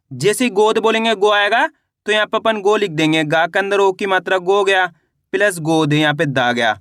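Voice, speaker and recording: A man teaching reading, patiently sounding out each syllable and stretching the words slowly. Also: sits high, fairly bright tone, no room sound, clean studio sound. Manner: patient, repetitive, drawn-out word sounding. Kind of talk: slow syllable-by-syllable phonics lesson.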